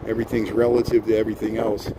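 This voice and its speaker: A man chatting casually on a livestream outdoors, rambling and halting, often repeating his words. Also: on the low side, level tone. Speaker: live streamer. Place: outdoors on a city riverwalk. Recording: outdoor livestream with clear city noise.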